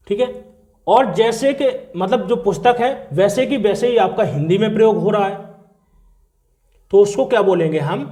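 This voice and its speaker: A man's voice: sits high, dark tone. A man teaching an exam-prep grammar lesson, explaining step by step and answering his own questions.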